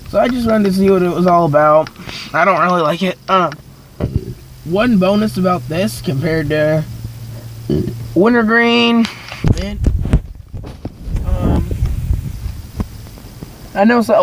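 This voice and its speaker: Young male amateur reviewer, high-pitched, halting and casual, rambling delivery over clearly noisy audio. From northern Maine, United States. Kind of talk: casual vlog chat.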